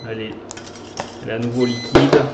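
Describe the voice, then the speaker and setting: A man with a Toulouse French accent gives a live pastry lesson, talking casually while he works. His voice sits at an ordinary pitch and bounces around an echoey kitchen. Steady background noise runs under the recording. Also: a little fast, dull audio. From southern France. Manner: chatty, talks while whisking and stirring. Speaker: pastry teacher.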